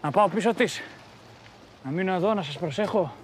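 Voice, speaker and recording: Rattled village man, bit high-voiced, rambling. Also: animated, slight background noise. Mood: uneasy. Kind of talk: period television drama acting.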